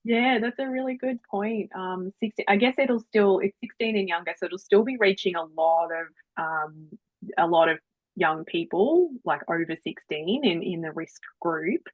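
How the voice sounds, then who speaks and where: A woman's voice: lowish voice, normal speed, dry recording. A woman presenter answering webinar questions, hesitant with many fillers, often laughing. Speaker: guest presenter. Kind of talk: online webinar Q&A. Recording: dry, phone-like audio.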